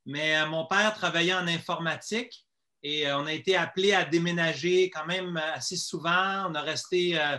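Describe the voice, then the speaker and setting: Appearing as an interview guest, a Quebec man shares a personal testimony in a Quebec French accent. His fairly high, bright voice moves at a moderate pace, conversational and dotted with hesitations and repeated words.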